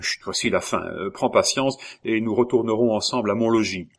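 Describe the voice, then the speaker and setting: A man reading the hushed lines of an impatient young prince in a storybook. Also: on the low side. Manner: hushed, hurried.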